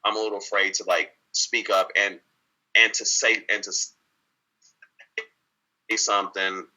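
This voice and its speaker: The speaker, a man with a fairly low voice, talks a little slowly with a flat delivery and a bright, forceful tone, recorded on poor audio. He's an interview guest speaking candidly, reflective and earnest, regularly repeating himself and restarting sentences.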